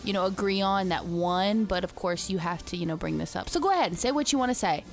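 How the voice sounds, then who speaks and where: A woman's voice: mid-range voice, animated, fast. Woman co-hosting sports chat, faint music behind. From Virginia. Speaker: sports show co-host.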